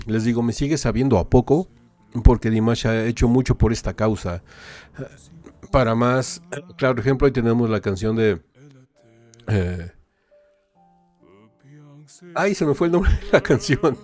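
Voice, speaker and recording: Faint music plays behind this reaction video host, whose mid-range voice has a slight mellowness. He translates on the fly with casual commentary, stumbling frequently and plugging gaps with "eh" and "este."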